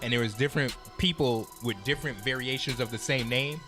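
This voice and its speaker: A man's voice: mid-range voice, a little fast, pushed and bright, faint music behind. A man co-hosting a casual podcast, laying out his points at length and checking in with "follow me?". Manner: explains at length, checks in with the listener. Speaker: podcast co-host. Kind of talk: casual chat.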